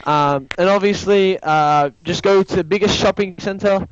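A man's voice: sits high, normal speed, clean tone, no room sound, lo-fi sound. A young man chatting casually on a podcast, rambling and cutting in with "look, look" to take the floor. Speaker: podcast co-host. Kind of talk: casual chat.

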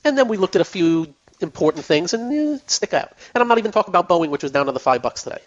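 A man fronts a finance call-in radio show, talking fast with big pitch swings from a fairly high register as his voice turns hoarse. He rambles casually through market talk, repeating himself and filling gaps with fillers, all heard through a dull, lo-fi broadcast.

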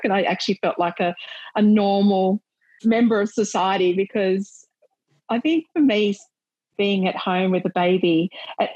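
Brief: middle-aged woman, husky lowish voice, dry close sound, chatty with easy laughs. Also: a little mellow, dry recording, highs cut off. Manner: chatty, laughs often, earnest. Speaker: maternal and child health nurse and volunteer. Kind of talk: casual interview chat.

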